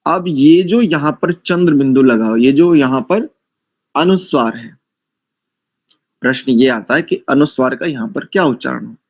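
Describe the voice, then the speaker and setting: A Sanskrit chanting teacher with a Hindi accent runs an online class on Vedic mantra pronunciation, slowly breaking words into syllables and repeating them in drills. His voice is medium-pitched, and the recording sounds dry and muffled.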